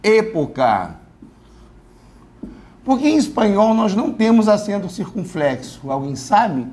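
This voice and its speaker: High-voiced man teaching a class. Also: very animated, darkish tone. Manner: explains slowly, repeats words, asks students to repeat. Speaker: Spanish teacher. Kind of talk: classroom lecture.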